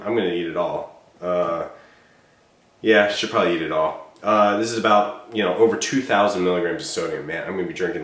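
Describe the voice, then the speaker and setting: A man's voice: low-pitched, reverberant. Congested man hosting a food review. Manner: chatty, self-deprecating. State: congested from a cold. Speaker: host. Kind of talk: casual food review vlog.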